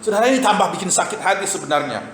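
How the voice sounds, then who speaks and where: A man preaches in a roomy church hall, his fairly high voice carrying through the space. His storytelling is animated, and he keeps turning back to address the congregation. A faint room ambience sits behind him. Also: rapid-fire, a little hiss or hum. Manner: storytelling, animated, often repeats a tag phrase to the congregation. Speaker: pastor. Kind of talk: sermon. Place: church sanctuary.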